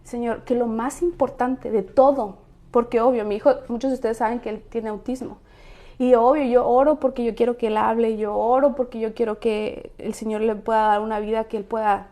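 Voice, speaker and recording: A woman's voice: a little high, level tone, fairly quick, dark tone. A middle-aged woman talking earnestly about faith and prayer, her voice rising with emphasis. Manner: earnest, emphatic, preacherly rises. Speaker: co-host of women's ministry talk. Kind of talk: casual faith talk.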